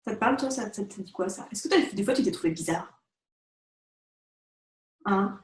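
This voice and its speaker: A woman talking casually to the camera as a vlogger and photographer, chatty and animated, filling her talk with asides and fillers. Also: medium pitch, moderate pace. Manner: chatty, animated, direct address with many fillers. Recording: echoey room.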